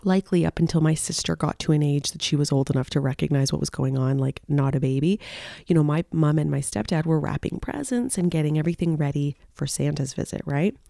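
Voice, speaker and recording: Gravelly, dark-voiced woman, near tears. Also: sits low, a little fast, no room sound, clean studio sound. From Canada. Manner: nostalgic, tearful, rambling with many fillers. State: close to tears. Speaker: podcast host. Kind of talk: emotional personal monologue.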